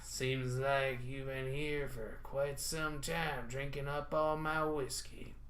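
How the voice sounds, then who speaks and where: A man's voice: medium pitch, flat delivery, slow pace, a bit bright. Give me a man playing a folksy bartender with a put-on Southern drawl. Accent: fake Southern. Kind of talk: improv comedy role-play.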